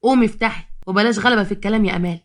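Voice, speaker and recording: Woman narrator doing a bossy older Egyptian mother-in-law, clipped and quick. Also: mid-range voice, lightly acted. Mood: commanding. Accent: Egyptian Arabic. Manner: commanding, curt.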